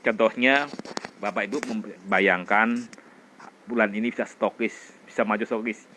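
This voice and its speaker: A middle-aged man teaching a public speaking class, demonstrating expressions and vocal drills with loud chants and quiet whispers. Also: fairly low pitch, fairly even intonation, measured pace, background noise. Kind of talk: energetic training class.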